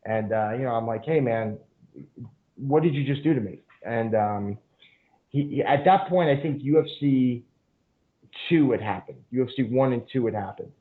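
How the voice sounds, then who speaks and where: Over a phone-like narrow-band line, a male podcast guest with a mid-range voice talks at a normal speed. He teaches jiu-jitsu and spins long casual stories in a rambling way, leaning heavily on fillers and profanity.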